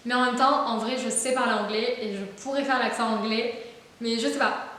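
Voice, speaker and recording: A woman's voice: a little high, fairly even intonation, normal speed, pushed and bright. A young woman chatting casually about books, full of fillers, restarts and enthusiasm. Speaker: book vlogger. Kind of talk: casual book haul chat. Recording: very echoey room with faint hiss.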